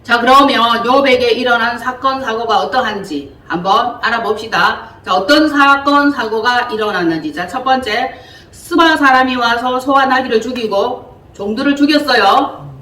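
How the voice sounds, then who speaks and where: A woman leading an interactive Bible lesson, talking in a lively, colloquial way and quizzing her listeners. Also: on the high side, moderate pace. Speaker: Bible teacher. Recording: echoey room from far off, faint hiss.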